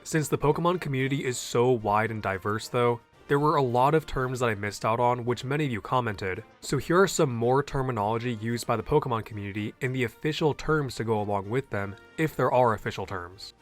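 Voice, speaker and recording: Over soft background music, a YouTube host who is half Japanese and speaks native English delivers a scripted explainer in an earnest, opinionated way. His mid-range voice moves fairly quickly with few pauses.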